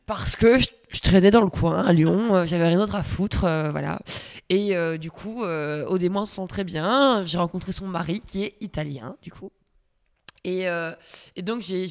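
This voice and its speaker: A woman comics author talking on a podcast in a chatty, playful way, cracking jokes and throwing in asides. Her pitch sits in the middle of the range. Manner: lively and joking, chatty asides. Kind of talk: podcast interview.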